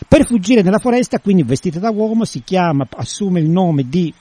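A man hosting a literature talk show, retelling a plot in a hesitant way with many pauses. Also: high-pitched, animated, mellow, breathy edge, no echo. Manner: hesitant, many fillers and restarts. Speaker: host.

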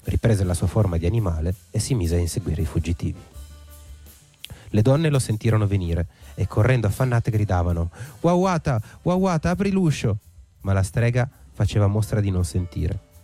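A man reading a folk tale aloud in a measured, steady way. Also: sits low. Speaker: storyteller. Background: faint instrumental music.

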